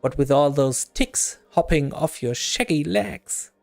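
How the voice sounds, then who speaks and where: A scornful, sharp-tongued rogue woman hurling insults, read out by a man in his own voice lifted a little. The voice sits somewhat high and hops up sharply on her jabs. It is a dry, close recording with faint game music behind. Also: expressive, unhurried, vocal fry, dry recording.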